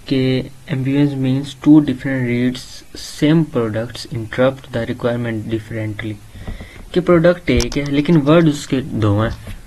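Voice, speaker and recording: A man from Pakistan tutoring an online course, reading English slide lines slowly and then explaining them in casual talk. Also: mid-range voice, darkish tone, low-quality recording.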